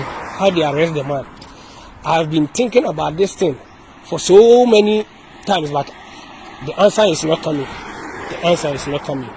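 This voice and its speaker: A Ghanaian-accented man records an impassioned message outdoors, hammering points home by repetition. His voice is high for a man, and faint traffic drifts in behind him. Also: a little mellow, low-quality recording. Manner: repetitive, emphatic, with many restarts. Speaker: activist speaking to camera.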